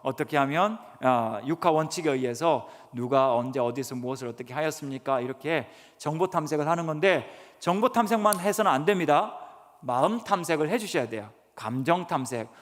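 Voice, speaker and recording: A guest speaker professor gives an earnest sermon lecture to a church congregation in the sanctuary, often putting questions to his listeners. His voice is on the high side and brisk, recorded in a reverberant church hall.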